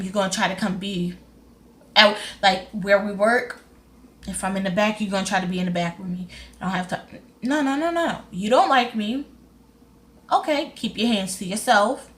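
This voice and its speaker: A young woman, casually retelling a frustrating story in an animated vlog. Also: medium pitch. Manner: animated, frustrated retelling with lively quoted voices. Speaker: vlogger.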